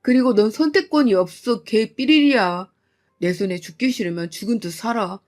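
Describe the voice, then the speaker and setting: A woman's voice: on the high side, normal speed, a little mellow, lightly acted. A woman voicing an enraged, doting middle-aged father who speaks sternly and threateningly.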